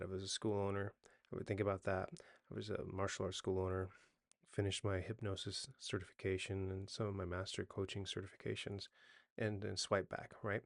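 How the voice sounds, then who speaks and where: A man in his forties with a low voice and vocal fry gives unscripted sleep advice to camera, recorded dry and clean in a studio. He talks conversationally, corrects himself, and keeps checking in with the listener.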